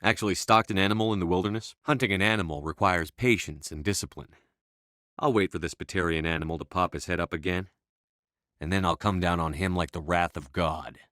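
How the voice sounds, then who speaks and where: A man playing a resolute human military commander in a space opera video game, speaking in a measured, authoritative, matter-of-fact way. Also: sits low, fairly bright tone, dry recording, studio quality. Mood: grave, resolute.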